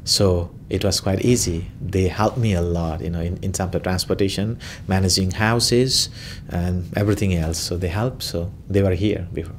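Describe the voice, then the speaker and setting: A man in his thirties with a Nepali accent answers interview questions hesitantly, with many fillers and restarts. His voice is low-pitched and steady at a normal speed, with slight background noise.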